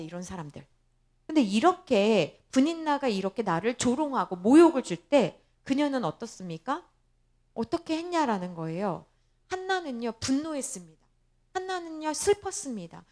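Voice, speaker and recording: A woman pastor preaching a sermon in a church, emphatic and repetitive, putting rhetorical questions to the congregation. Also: high-pitched.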